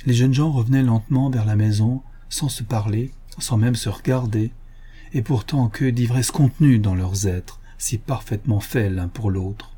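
A man narrating a classic novel in a measured, expressive first-person reading. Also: medium pitch, slightly rough. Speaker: audiobook narrator. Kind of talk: literary audiobook narration.

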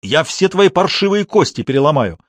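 A man's voice: a little high, sing-song, moderate pace, no room sound, voice pushed up. A man reading a coarse, spiteful, hulking older male troupe leader who sneers and blusters, in an audiobook. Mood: sneering.

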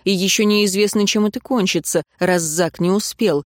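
A woman narrating a fantasy audiobook in a steady, even storytelling voice. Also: medium pitch, moderate pace, no room sound, studio quality. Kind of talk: scripted narration.

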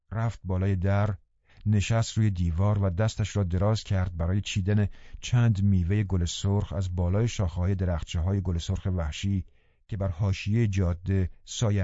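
A man narrating a novel as an audiobook, calm and measured. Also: fairly low pitch, dry recording. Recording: dull dry studio recording.

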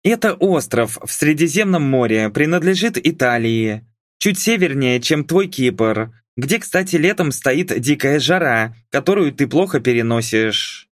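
A man's voice: medium pitch, lively intonation, a little slow, no echo, lightly acted. A man voicing a young adult daughter who argues with her parents in a dry, sarcastic, reasoning tone. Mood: exasperated.

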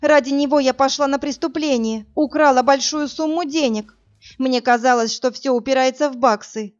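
A woman's voice: high-pitched, moderate pace, pitched above the performer's own voice, natural voice. A woman voicing a desperate young woman on the phone, tearful and pleading, then screaming in anger, in a slightly muffled recording. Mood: despairing.

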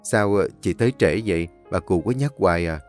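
Matter-of-fact male doctor, quick and low, voiced by the storyteller. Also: expressive, faint music behind. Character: brisk male hospital doctor.

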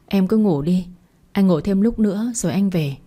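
A woman voicing a gentle young man who speaks in a soothing, coaxing way. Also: mid-range voice, normal speed, lightly acted.

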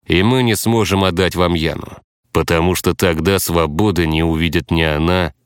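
A man's voice: deep voice, steady tone, normal speed, clean tone, no room sound, clean studio sound, close to an everyday voice. A man voicing a polite, regretful male leader with a courteous manner in an audiobook.

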